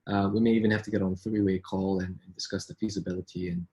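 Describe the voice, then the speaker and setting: Born in New York and raised in Vancouver, a man who works as a business English coach talks casually with colleagues, with frequent restarts and rhetorical questions. His voice is deep and warm with little pitch movement, and he talks fast.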